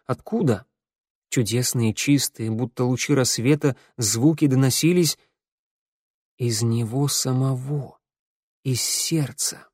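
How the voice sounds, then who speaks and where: A man narrates an audiobook in a slow, measured way, letting dramatic pauses hang between phrases. His voice sits at a middle pitch and is captured close on a studio mic with a completely dry sound. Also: darkish tone, no room sound.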